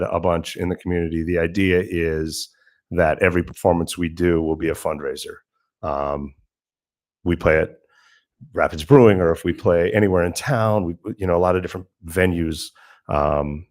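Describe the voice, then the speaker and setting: Low-voiced man giving an informal presentation. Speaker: school band director.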